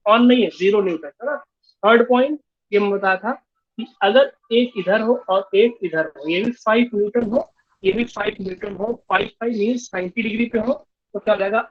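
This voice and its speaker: A man's voice: high voice, muffled recording. A male physics teacher giving an online class lecture, explaining step by step and mixing Hindi and English.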